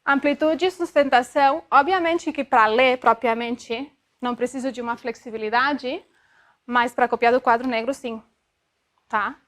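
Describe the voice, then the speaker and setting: High-voiced woman lecturing a class. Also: normal speed. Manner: explanatory, checks in with frequent tag questions; demonstrative, sounds out syllables to illustrate. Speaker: optometry lecturer.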